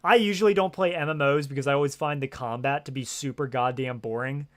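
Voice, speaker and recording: His mid-range voice stays steady and moves fast as he plays a video game on stream from his home setup. Speaking casually into a gaming headset, he rambles with plenty of fillers and swears frequently.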